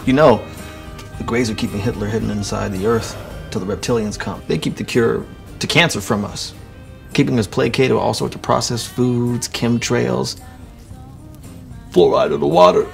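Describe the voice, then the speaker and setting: An actor playing a laid-back new-age boyfriend from Florida who rambles about aliens and the senses. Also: male voice, mid-range voice, fairly even intonation, moderate pace, gravelly, soft background music, natural voice. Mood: earnest.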